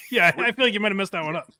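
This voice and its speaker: A man guesting on a comedy podcast, sarcastic and quick to laugh in casual banter. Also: high voice, pushed and bright, dry recording.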